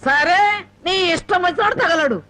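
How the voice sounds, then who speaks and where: A woman's voice: very high-pitched, brisk, sharp tone. An actress playing an older grandmother who scolds in an exasperated way, in a film scene with music. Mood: scolding. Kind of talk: Telugu film drama.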